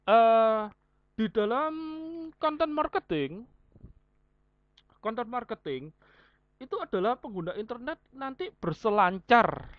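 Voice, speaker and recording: A woman's voice: fairly high pitch, very animated, slow, pauses often, no room sound, dull audio. A woman teacher giving an online class lecture, going through points one by one with everyday examples. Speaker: vocational school teacher.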